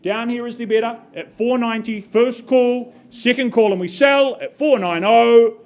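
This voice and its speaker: Woman auctioneer, pretty high voice, calling bids at a live auction, short repeated phrases. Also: normal speed, darkish tone. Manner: calls out bids and repeats figures in short phrases, prompting bidders.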